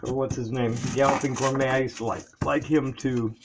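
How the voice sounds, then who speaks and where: An older man talks his way through a recipe in a small home kitchen, rambling and chatty as he chops and measures. His voice sits in a middle pitch. A camera on the counter picks it up along with faint clicks of utensils. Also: steady tone, moderate pace, background noise. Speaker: home cook vlogger. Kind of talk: casual cooking chat.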